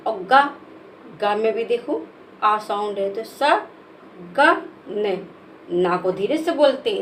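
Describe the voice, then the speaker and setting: A woman teacher, spelling out words letter by letter in a slow, patient lesson for children. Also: fairly high pitch, slight background noise, poor audio. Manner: patient, spells letters one by one, calls listeners "beta".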